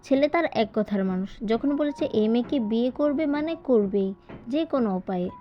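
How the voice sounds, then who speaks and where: A woman with a slightly high, animated voice reads a scripted story at normal speed as dramatic audiobook narration. The lo-fi voiceover sounds dull, with background music underneath.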